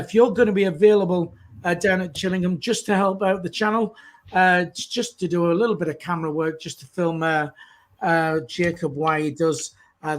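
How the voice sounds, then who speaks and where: A man hosting a casual live stream, talking haltingly with many "uh" fillers. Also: fairly high pitch. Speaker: host.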